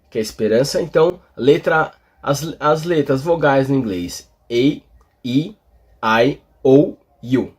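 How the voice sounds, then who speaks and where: A Portuguese-speaking man explaining English vowel pronunciation, talking slowly with many fillers and tag questions. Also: fairly high pitch, breathy edge. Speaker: English teacher. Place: in front of a display board.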